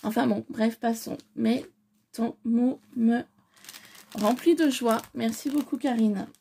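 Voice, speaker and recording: Woman with a gravelly kinda high voice, chatty unboxing vlog, lots of ums. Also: takes it slowly, dark tone, slight background noise. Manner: chatty and effusive, many hesitant fillers. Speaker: scrapbooking vlogger. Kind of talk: casual unboxing chat.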